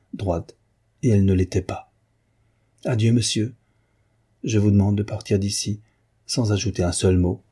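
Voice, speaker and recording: A man's voice: fairly low pitch, warm tone, breathy edge. A man voicing a proud, trembling young wife. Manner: dignified, commanding, trembling with emotion. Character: young married woman, proud and distraught. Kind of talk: audiobook reading.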